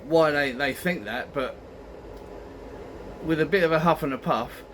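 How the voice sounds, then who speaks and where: A man's voice: a little high, measured pace, a bit bright, a little hiss or hum. A man giving a casual vlog update, grumbling and retelling conversations as he goes. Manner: grumbling, recounts exchanges as quoted dialogue. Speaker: travel vlogger.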